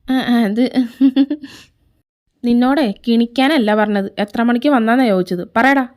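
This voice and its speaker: A sharp-tongued mother in middle age, scolding her late-coming son, as a woman reads her in a fan fiction audio story. Her voice stays fairly high with a cutting, blunt manner. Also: moderate pace, natural voice.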